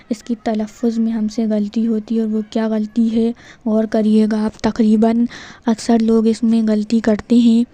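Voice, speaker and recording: A woman giving a religious lesson, drawing out each recited word slowly to show the right pronunciation. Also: fairly high pitch, warm tone. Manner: slow, deliberate drawn-out demonstrations of recited words. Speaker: religious teacher. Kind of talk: instructional talk on prayer pronunciation.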